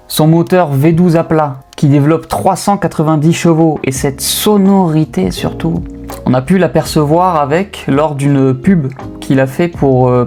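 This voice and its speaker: A man's voice: fairly high pitch, mellow. A young man hosting a car channel, talking in casual, joking, slang-filled voice-over with hesitations. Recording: faint music bed behind voice. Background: faint lofi music.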